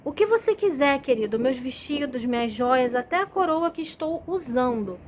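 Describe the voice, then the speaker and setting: A woman's voice: high-pitched, lively intonation, moderate pace, a little hiss or hum. A woman voicing a spoiled, petulant young princess in a storybook reading. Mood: bossy, spoiled. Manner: petulant, demanding.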